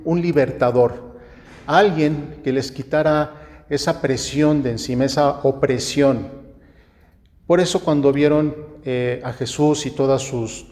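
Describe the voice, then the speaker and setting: Slow Mexican preacher in a reverberant church. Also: male voice, mid-range voice, dark tone. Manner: deliberate, with rhetorical questions and frequent restarts. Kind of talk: sermon.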